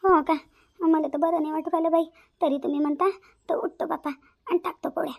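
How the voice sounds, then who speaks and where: A woman's voice: very high-pitched, fairly even intonation, a little fast, creaky, darkish tone. A woman voicing a lazy, scheming young woman who fakes illness in a whiny, drawling voice. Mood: falsely offended.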